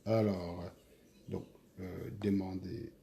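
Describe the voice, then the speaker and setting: A man's voice: sits low, flat delivery, slow pace, vocal fry, warm tone, slight background noise. Guy on a live stream, casual, keeps pushing viewers to hurry, repeats himself a lot. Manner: urgent, repetitive urging of viewers.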